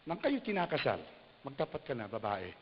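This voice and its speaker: Man preaching in a reverberant church hall. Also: a little fast. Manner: animated preaching, acts out quoted people in high voices. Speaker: bishop. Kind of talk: sermon. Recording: hissy dull recording with long hall reverb.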